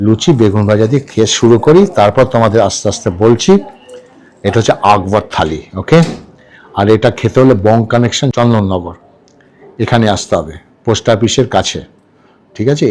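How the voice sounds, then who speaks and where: A man with a fairly low, darkish voice sits at a restaurant table chatting casually as a food vlogger. He repeats the names of dishes and checks in with his viewers.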